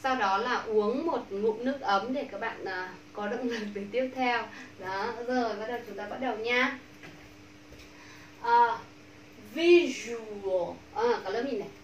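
A Vietnamese woman teaching English pronunciation to a class, drawing out model words slowly and repeating them. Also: on the high side, far from the mic. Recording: echoey room, voice from off mic, faint background hum.

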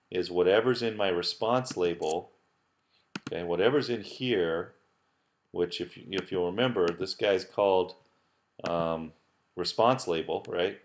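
A man with a very deep voice walks through a coding screencast at his desk. He talks casually and loosely, with lots of "okay" and "you know", and often starts sentences over. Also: slight background noise. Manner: casual, many fillers and restarts. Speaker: professor teaching app building. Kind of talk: screencast tutorial.

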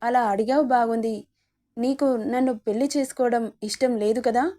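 A woman's voice: on the high side, fairly even intonation, normal speed, dark tone, natural voice. A woman voicing a possessive, teasing young male rowdy in an audio story, with a bossy, teasing manner.

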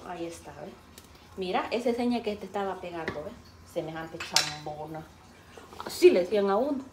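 A woman's voice: mid-range voice, lively intonation, fast talker. A woman, chatting in a folksy, teasing way while she cooks. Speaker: cooking vlogger. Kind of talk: casual cooking chat. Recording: roomy, faint background noise.

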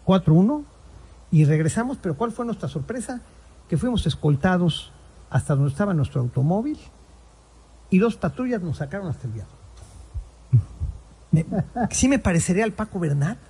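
A Mexican man hosting a sports talk show, telling crude, animated stories and acting out people in them. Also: sits high, moderate pace, long pauses, breathy edge. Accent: Mexican Spanish. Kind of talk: joking storytelling among co-hosts.

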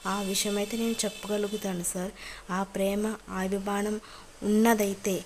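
A hurt young wife reproaches her husband, as a woman narrator reads her part. The voice sits in a middle pitch with a narrow, even contour. A faint hiss lies underneath. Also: normal speed, natural voice. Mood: reproachful. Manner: accusing, reproachful.

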